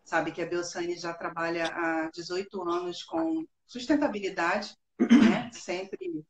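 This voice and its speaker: A woman's voice: lowish voice, takes it slowly, roomy sound. A woman hosting an interview, friendly, often ending with tag questions. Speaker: host.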